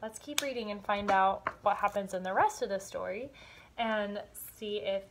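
A young woman teaches kindergarten from a small room at home, explaining things simply and asking questions as though the children are answering. Her voice is medium-pitched and moderately paced, picked up by a device camera a step or two away, with background noise.

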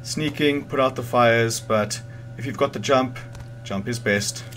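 Hosting a game guide, this man narrates a casual walkthrough, thinking as he speaks and revising what he says. His medium-pitched voice is fairly bright and a little slow, set against video game music and sounds.

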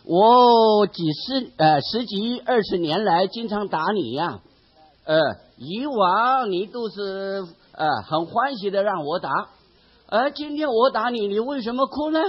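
A man's voice: sits high, lively intonation, unhurried, slightly rough, highs cut off, heavily acted. A man acting out a puzzled elderly mother questioning her son in a sermon story.

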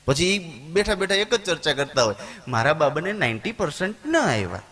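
A man, telling stand-up comedy stories to a live audience and jumping into high squeaky voices for his characters. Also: big pitch swings, a little fast, fairly bright tone. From Gujarat, India. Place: stage before a live audience.

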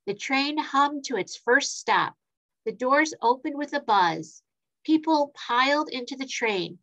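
Expressive woman reading a children's story. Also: high voice, measured pace, dull audio. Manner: expressive, sound effects.

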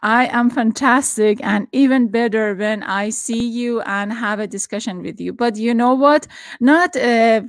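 A middle-aged woman from Iran hosts a video-call interview, her voice a little high and recorded dry and close on a studio mic. She talks earnestly, often restarting her sentences. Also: dry recording. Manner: earnest, with frequent restarts and fillers. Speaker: podcast host. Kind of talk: interview introduction and questions. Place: home study with bookshelves. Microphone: studio microphone with headphones on video call.

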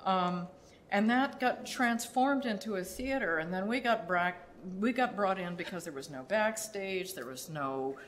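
Slow, low-voiced older woman lecturing. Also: slight background noise. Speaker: architect presenting her firm's work. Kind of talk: public lecture. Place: dim lecture hall, seated at a table on stage.

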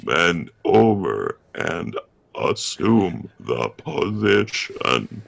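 A man on a live stream doing a slow, calm, robotic computer voice, creepy and insistent. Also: deep voice, creaky, full character voice. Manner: calm, drawn-out, flat robotic delivery.

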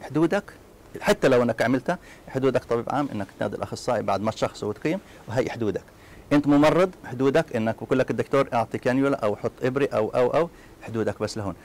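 A man with a Palestinian Arabic accent lecturing a class at a very quick clip. His pitch sits in the middle of the usual male range, and he keeps stopping to act out short scenes and throw asides to his students. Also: a little mellow. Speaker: university lecturer.

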